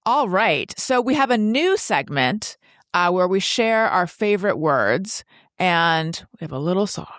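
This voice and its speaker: Woman podcast host, playful, brisk, dry close sound. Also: on the low side, big pitch swings, fairly bright tone, no echo. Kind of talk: casual chat and announcements.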